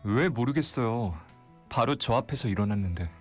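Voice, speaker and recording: A male actor voicing a polite young shopkeeper in a mystery game, courteous and talking briskly. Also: medium pitch, soft background music, lightly acted. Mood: concerned. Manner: courteous, lively, quick speech. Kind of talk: game voice acting.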